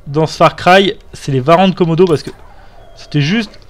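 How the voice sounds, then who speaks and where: Young male gamer, casual commentary, slightly high, profane asides. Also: moderate pace. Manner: casual, swearing, chatty asides. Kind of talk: let's play commentary.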